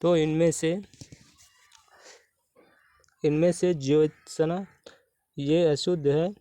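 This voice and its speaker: Going through Hindi spelling questions for exam preparation one by one, this male teacher restates every answer. He speaks slowly in a smooth, clear, fairly high voice with a flat, even delivery, and the close, dry recording has no echo.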